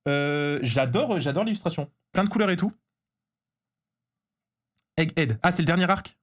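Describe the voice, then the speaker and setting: A man streaming live as he opens trading cards, chatting casually, getting excited and answering his chat. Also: on the high side, moderate pace.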